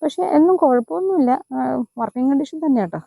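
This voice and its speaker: A woman's voice: high-pitched, expressive, quick pace, warm tone, dry recording. A young woman from Idukki with an Idukki Malayalam accent, chatting enthusiastically in a vlog from an outdoor nature park. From Idukki, Kerala. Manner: chatty, enthusiastic, talks to her child between remarks. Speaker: vlogger. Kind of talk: casual vlog talk.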